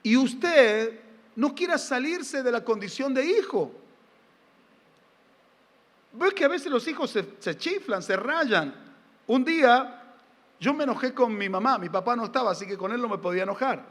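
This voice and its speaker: A middle-aged Argentine pastor preaching with a high, ringing voice. He fires rhetorical questions at the congregation and mixes in folksy, humorous family stories. The sound carries the long reverb of a church hall. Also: animated, moderate pace, long pauses, fairly bright tone. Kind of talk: sermon. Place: church sanctuary during a live service.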